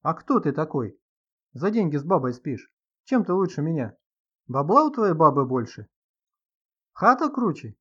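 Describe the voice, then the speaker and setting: Guy voicing a mad young stripper dude, loud sneery slang, kinda muffled audio. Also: a little high, big pitch swings, normal speed, long pauses, full character voice. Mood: furious. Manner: shouting, sneering, rough slang. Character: angry young male stripper, brash and contemptuous.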